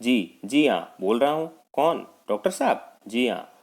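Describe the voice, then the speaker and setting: A man's voice: medium pitch, very animated, a little slow, creaky, darkish tone. A male teacher voicing a flustered father who animatedly retells his son's complaint, reading a play aloud. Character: flustered Indian father describing his son's odd stomach ache.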